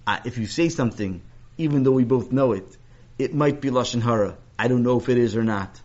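A man voicing a calm, wise school principal rabbi who reassures a pupil. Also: medium pitch, fairly quick, close to an everyday voice. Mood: reassuring. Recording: dull lo-fi recording.

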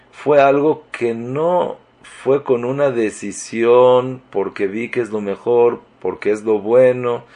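Animated man giving a religious talk. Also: mid-range voice. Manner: animated, swings between loud emphasis and soft asides; uses Hebrew religious terms.

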